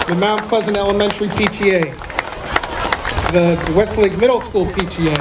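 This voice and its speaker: A man giving a formal podium speech as a school leader hosting an outdoor ceremony, speaking in measured, separated phrases. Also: high voice. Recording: noisy outdoor recording with crowd sounds.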